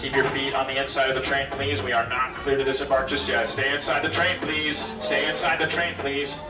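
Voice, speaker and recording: A man calls out polite, firm safety instructions over an outdoor loudspeaker, repeating himself patiently. His voice rings out with a roomy echo and sounds distant from the mic. His pitch sits at an ordinary middle level for a man. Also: little pitch movement, a little fast, music in the background. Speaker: train conductor. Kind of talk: live safety announcements. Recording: echoey loudspeaker heard from afar.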